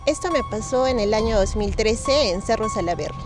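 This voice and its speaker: A woman calmly recounting a personal paranormal story. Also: fairly high pitch, a little fast, music in the background. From Peru. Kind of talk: casual spoken storytelling.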